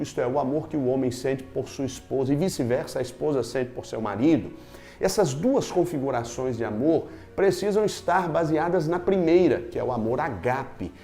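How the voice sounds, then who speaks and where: A man leads a Bible study lesson in a mellow, warm voice. He explains his points one at a time, with emphatic stress. Soft music plays faintly underneath. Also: fairly high pitch.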